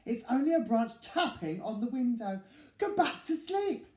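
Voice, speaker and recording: A man's voice: very high-pitched, very animated, moderate pace, a little mellow, voice pushed up. A man voicing a bigger, older male mouse in a children's story, weary, firm and a little exasperated. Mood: firm, dismissive. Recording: echoey room.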